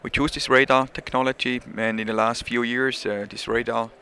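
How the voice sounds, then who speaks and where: Interviewed casually about his product at a trade show, a Swiss man who isn't a native English speaker talks hesitantly, with lots of fillers and restarts. His medium-pitched voice is level in tone, creaky, pushed and bright, at a moderate pace.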